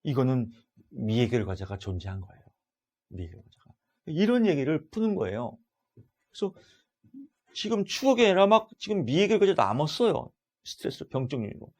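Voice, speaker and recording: A middle-aged man teaches an exam-prep class in a loud, animated way. His voice sits at an ordinary mid pitch. He keeps the lesson lively by acting out short exchanges. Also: normal speed. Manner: loud, animated, acts out dialogues. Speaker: lecturer.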